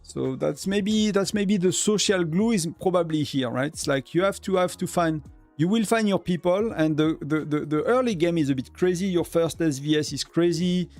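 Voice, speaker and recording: A gaming streamer whose first language is French chats casually on a live stream, with a French accent and faint music in the background. His voice is a little high and a little mellow, at a moderate pace, and he rambles with lots of fillers and restarts.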